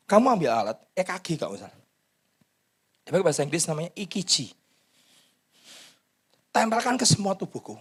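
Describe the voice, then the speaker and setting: A pastor delivering a charismatic sermon, swinging from shouted pleading to hushed whispers. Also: male voice, fairly high pitch, slightly rough.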